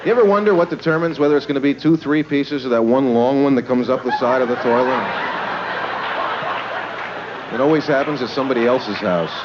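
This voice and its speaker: A man's voice: medium pitch, fairly quick. A man doing live stand-up comedy with leering, smutty joking, conversational and full of rhetorical questions. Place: live stage before a laughing audience. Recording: noisy, muffled live club recording.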